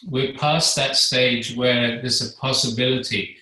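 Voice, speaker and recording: A man speaking as a guest, explaining his spiritual work in a measured, earnest way. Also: medium pitch, steady tone, pushed and bright. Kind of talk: calm explanatory conversation. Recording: echoey room, distant mic.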